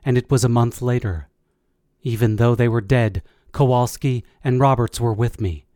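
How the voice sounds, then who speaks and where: Man, audiobook narrator, mid-pitched steady voice, measured storytelling, dry close recording. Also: no echo. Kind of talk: first-person audiobook narration.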